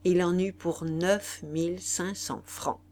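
A woman reading a novel aloud in a measured, expressive storytelling manner. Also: lowish voice. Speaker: audiobook reader.

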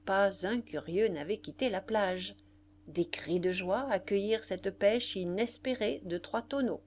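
A woman reading a classic novel aloud as an audiobook narrator, in a measured, expressive way. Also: medium pitch, a little hiss or hum.

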